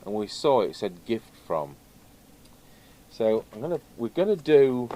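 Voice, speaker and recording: A warm, medium-pitched male voice moves a little slowly and in a sing-song way. The speaker, a radio technician hosting a video, casually rambles through an unscripted presentation of radio gear while background noise remains clearly audible.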